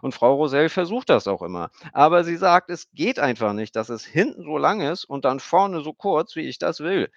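A man's voice: fairly high pitch, sing-song, moderate pace, hardly any pauses, no echo, voice pushed up. A blunt, know-it-all little girl from a storybook who rattles off facts in a matter-of-fact, lecturing way, as a male narrator puts her on. Her voice sits well above his own. The recording is dry and a little dull. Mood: chatty.

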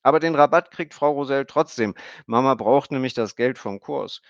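A man's voice: medium pitch, normal speed, dry recording, lo-fi sound, voice pushed up, lightly acted. A man voicing a blunt, chatty little girl who speaks in a matter-of-fact, lecturing way.

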